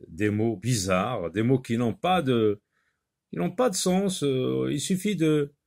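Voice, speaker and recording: A man teaching a children's French reading lesson, slowly sounding out syllables with many hesitant fillers. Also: on the low side, gravelly, darkish tone.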